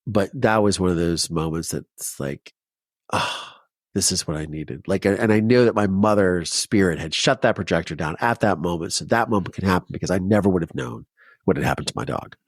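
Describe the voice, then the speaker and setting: A man's voice: sits low, fairly quick, no echo, clean studio sound. A man from Ohio, a documentary filmmaker, telling his personal story as a podcast guest, heartfelt and rambling with many restarts. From Ohio, United States.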